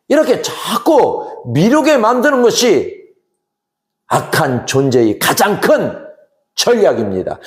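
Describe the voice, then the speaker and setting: A man as pastor, giving an earnest sermon that swells to emphatic rises and sinks to hushed drops. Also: high-pitched. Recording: roomy echo.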